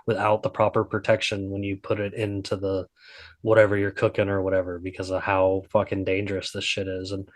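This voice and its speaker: A man in his late thirties chats casually with a loose, swearing manner. His voice is low and recorded close and dry. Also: monotone, fairly quick, no echo. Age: 30s. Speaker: podcast co-host. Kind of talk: casual chat.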